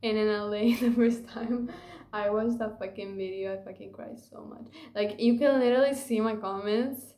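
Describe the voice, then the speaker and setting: A woman's voice: medium pitch, fairly even intonation, normal speed, dark tone. A young woman vlogging casually to camera, rambling and gushing with lots of fillers. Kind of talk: casual confessional vlog. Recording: echoey room.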